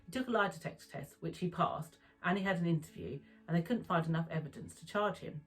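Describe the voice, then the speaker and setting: A woman narrating a true crime story in a calm, even storytelling manner. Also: on the low side, fast talker, slightly rough, low-quality recording.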